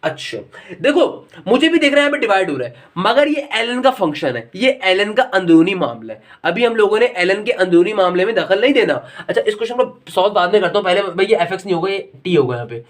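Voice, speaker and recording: A man giving a recorded maths lecture, talking to his students in a fatherly, lecturing way and slowing down to read out formulas. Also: high-pitched. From Pakistan. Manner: slows right down when reading out formulas. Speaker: maths teacher.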